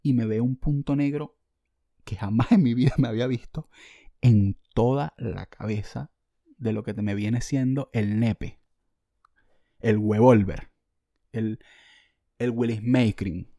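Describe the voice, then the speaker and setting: A man with a Venezuelan accent hosting a podcast, telling a comic story in an animated, slangy, self-mocking way. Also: medium pitch, a little slow, long pauses, no room sound, clean studio sound. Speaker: podcast host.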